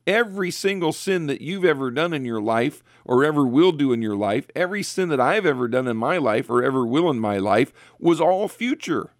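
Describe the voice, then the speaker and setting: A man's voice: medium pitch, lively intonation, brisk, few pauses, dry recording, studio quality. A man earnestly explaining theology on a talk show, repeating phrases for emphasis. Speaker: guest Bible teacher.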